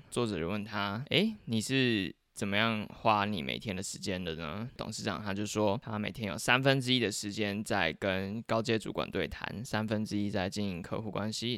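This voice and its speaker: A man's voice: on the low side, fairly bright tone, dry recording, clean studio sound. A man with a Taiwanese accent, hosting a podcast and explaining things in a casual, conversational way. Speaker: podcast host.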